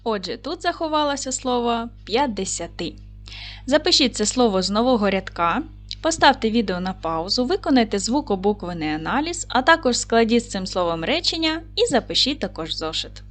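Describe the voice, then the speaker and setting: A woman teaching a primary school class in a video lesson, speaking gently to the children and dictating words slowly and clearly. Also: on the high side, sing-song. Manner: slow, clear dictation with stressed syllables; gentle, encouraging address to children.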